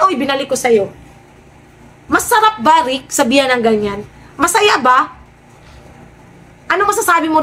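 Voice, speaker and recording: A woman's voice: high voice, fairly bright tone. A woman vlogger in casual live-stream commentary, talking to her viewers in a sarcastic way and firing off rhetorical questions.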